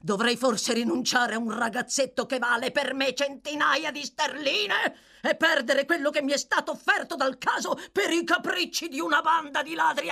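Scheming old man, as a woman reads him, oily coaxing talk, snarling temper, lively swooping voice, storybook reading. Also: on the low side, slightly rough, exaggerated voice. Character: scheming old male fence, wheedling then furious.

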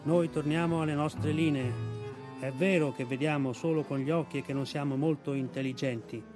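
A man voicing a pair of slow, plodding oxen in an audiobook, solemn in manner. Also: fairly high pitch, fairly even intonation, music in the background, close to an everyday voice. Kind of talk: audiobook reading.

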